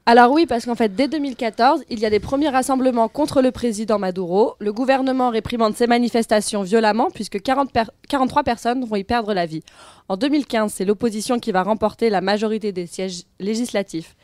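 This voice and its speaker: A young woman presenting on student radio, reading an explanatory segment in a steady, informative way. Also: on the high side, a little fast, no echo.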